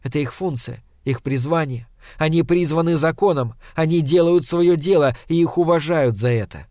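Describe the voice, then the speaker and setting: A man reading an audiobook voices a composed woman of high rank who speaks in a measured, reasoning way. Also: darkish tone, no room sound, studio quality, close to an everyday voice.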